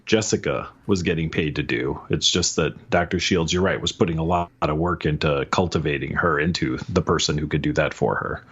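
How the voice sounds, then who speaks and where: Male podcast co-host, deep voice, loose conversational delivery, slightly muffled recording. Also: brisk, few pauses, slightly rough. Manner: relaxed, rambling, chuckles often. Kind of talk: casual book review chat.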